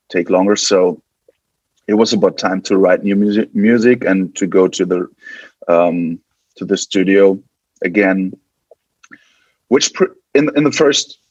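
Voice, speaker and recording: On a podcast, a guitarist from West Germany with a German accent talks casually as a guest, repeatedly restarting and repeating words. His voice is fairly low and a little mellow, captured in a dry recording with the highs cut off.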